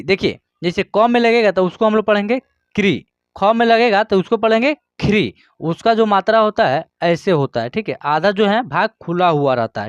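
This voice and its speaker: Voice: medium pitch, no room sound, highs cut off. A teacher giving a beginner alphabet lesson. They explain patiently, check in with the learner constantly, and drill syllables aloud one by one.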